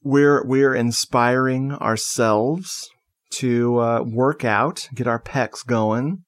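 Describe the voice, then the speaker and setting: A man's voice: medium pitch, fairly even intonation, extremely slow, smooth. A man co-hosting a podcast, chatting casually in a loose, joking way and swearing freely. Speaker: podcast co-host. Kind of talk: casual chat.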